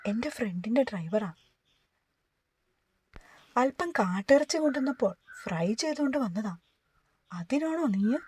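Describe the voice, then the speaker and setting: A woman's voice: fairly high pitch, expressive, breathy edge. A woman reading as an angry short-tempered man. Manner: shouting, scolding fast.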